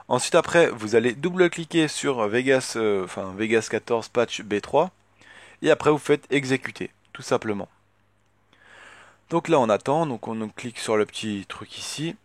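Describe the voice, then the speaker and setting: A man of middle pitch guides viewers through a computer tutorial in a loose, halting way, often pausing on filler words. His voice sits close and dry on a desktop microphone with no room sound. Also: no room sound. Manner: hesitant, many filler words, thinks aloud. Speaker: tutorial youtuber. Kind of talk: casual screen-recorded software tutorial.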